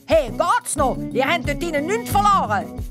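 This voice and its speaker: Lady doing a grumpy swiss garden guy, barks at kids, fawns over his mami, kinda high and loud. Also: animated, moderate pace, loud music behind the voice. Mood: angry. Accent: Swiss German. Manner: gruff and scolding, fawning on phone. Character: flustered adult man, garden center owner, mama's boy.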